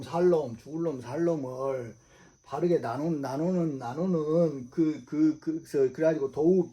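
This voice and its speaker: A middle-aged man with a mellow, mid-range voice preaches a religious sermon. He's repetitive and emphatic, often asking his listeners if they understand, with frequent rhetorical questions.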